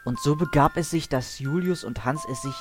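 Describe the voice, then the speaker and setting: A man's voice: a little high, normal speed, music in the background, natural voice. A man playing a solemn, pompous narrator of heroic tales in a scripted comedic audio drama. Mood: solemn, mock-epic. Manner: mock-epic, solemn.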